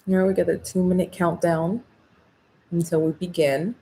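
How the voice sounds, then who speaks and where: An American woman from Orlando, Florida, talking with new braces as she hosts a casual live makeup class, upbeat, excited and slangy in chatting with viewers. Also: lowish voice, normal speed, slight background noise, rough recording. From Orlando, Florida, USA. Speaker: makeup workshop host.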